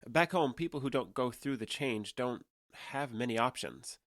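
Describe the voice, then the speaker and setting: In a naturalistic audio drama, an American man plays a guarded but sincere alien passing as a young adult, hesitantly and earnestly explaining himself. His medium-pitched voice has lively intonation, a normal pace, and a fairly bright tone, and the lightly acted performance is recorded dry with clean studio sound.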